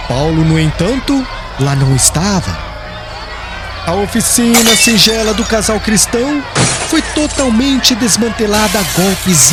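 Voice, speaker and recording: A Brazilian man with a high voice reads an audiobook as dramatic scripted narration. His storytelling is measured, formal and theatrical.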